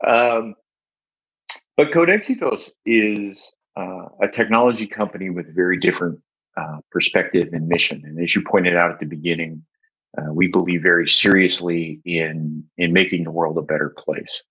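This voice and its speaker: Older male guest, deep husky voice, deliberate filler-heavy delivery, muffled lo-fi recording. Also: pushed and bright. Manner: measured, with frequent "uh" fillers. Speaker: guest, software agency founder. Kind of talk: podcast interview answers. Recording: dull lo-fi audio.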